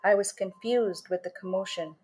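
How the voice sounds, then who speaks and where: Her voice is husky, medium in pitch, and darkish as this woman author reads her first-person story, taking her time and lingering over each image.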